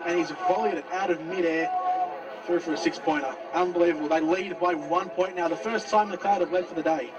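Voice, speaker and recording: A man with an Australian accent giving live radio football commentary and analysis, his voice rising with excitement on big plays. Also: sits high. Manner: voice rises into excited drawn-out exclamations on big plays. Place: outdoors at a football ground, above fans. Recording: distant outdoor mic, loud crowd. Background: loud crowd.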